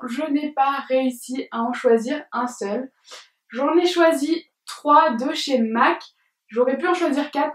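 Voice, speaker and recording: A young woman chatting casually in a beauty tag video, hesitant with many fillers and giggles, filmed at home by a camera at some distance. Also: high voice. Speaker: beauty vlogger. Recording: roomy sound from a distance.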